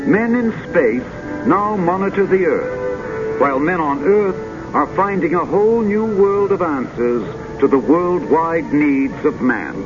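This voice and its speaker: Grand old sci-fi announcer, lively man. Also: on the high side. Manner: grand, dramatic, measured delivery with poetic emphasis and drawn-out phrases. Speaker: narrator. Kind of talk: scripted narration in the manner of an old sci-fi announcer, vintage futurist documentary. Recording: dull vintage film soundtrack with music.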